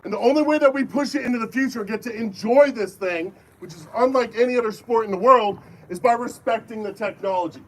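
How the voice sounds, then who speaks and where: High-voiced man addressing a crowd outdoors, firm and commanding, heard from a distance with faint noise. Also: fairly quick, hardly any pauses. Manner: firm, call-and-response, commanding. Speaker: airsoft event briefing leader. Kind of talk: safety briefing to a crowd. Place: outdoor airsoft field.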